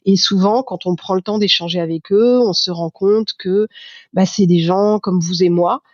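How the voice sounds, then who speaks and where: A woman in her fifties from Paris, speaking as a podcast guest, reflective and halting, with many fillers and restarts. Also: on the low side, darkish tone, dry recording, muffled recording. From Paris, France. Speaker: guest, communications agency founder. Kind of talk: podcast interview.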